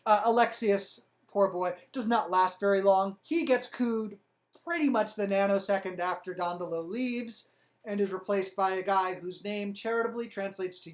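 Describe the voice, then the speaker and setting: Wry woman narrating history with sarcasm. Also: mid-range voice. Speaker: host.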